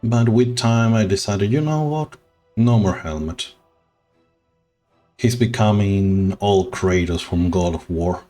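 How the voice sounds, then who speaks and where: A man streaming a game, talking slowly and sentimentally, rambling with soft laughs. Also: on the low side, soft background music. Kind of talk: casual game stream chat.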